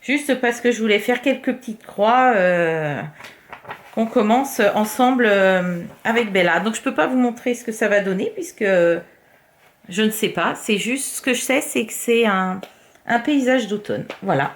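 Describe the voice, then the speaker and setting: Woman vlogger chatting about her crafts, fairly high voice, lots of fillers, sometimes goes soft and murmury. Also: animated, measured pace. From France. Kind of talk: casual show-and-tell chat.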